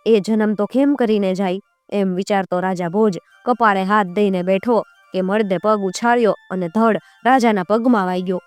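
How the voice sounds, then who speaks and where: A woman's voice: medium pitch, a little mellow, clear, resonant tone, dry recording. A woman narrating a traditional folk tale and voicing the characters' lines as she tells it. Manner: voices characters in quoted speech. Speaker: storyteller.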